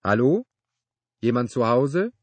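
A man putting on a loud, cracked-voiced old neighbor. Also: lowish voice, animated, normal speed, breathy edge, no room sound. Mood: blunt. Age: older. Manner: blunt clipped speech, calling out loudly, suspicious. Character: gruff lonely older male neighbor, brooding and volatile.

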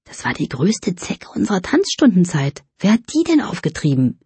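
A self-conscious woman murmuring gossip under her breath, hushed and conspiratorial, as a woman reader puts her on. The voice is soft and breathy, close and dry. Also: lowish voice, wildly swooping pitch, normal speed, no echo, full character voice.

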